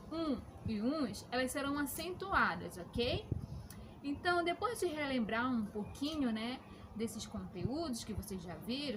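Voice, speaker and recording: A woman's voice: sits high, noisy background. A woman teaching a lesson to children, explaining patiently and checking in with them often. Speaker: schoolteacher.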